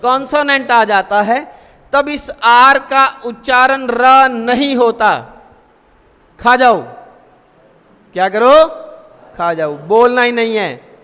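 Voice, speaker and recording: A man's voice: very high voice, sharp tone, clean tone, big-room sound. A male teacher giving a classroom grammar lesson, asking students questions and repeating the answers.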